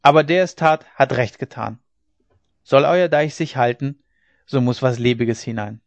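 A man's voice: animated, normal speed, dry recording. A male reader voicing an insolent, bull-necked laborer who talks back with cheeky defiance in a raised voice. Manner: cheeky, defiant, rising pitch. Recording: slightly dull lo-fi recording.

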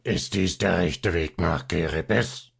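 A man doing a tiny, hoarse, furious little student. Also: slow pace, heavily acted. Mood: defiant. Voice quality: rough, deeply hoarse. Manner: defiant, prickly. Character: tiny misshapen hot-tempered male student.

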